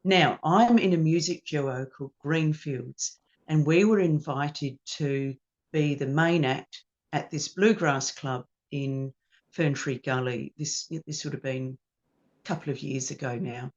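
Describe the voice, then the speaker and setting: Australian woman, ukulele teacher, storytelling interview, animated quoting, dull lo-fi sound. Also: low voice, measured pace. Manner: animated anecdotes with acted-out quotes.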